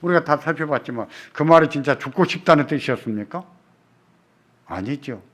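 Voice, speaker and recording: A man preaching in a church, his higher-than-usual voice moving up and down with lively emphasis. He swings between loud, forceful calls and soft, hushed pleas as he delivers his sermon. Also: fairly quick. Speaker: pastor. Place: church sanctuary.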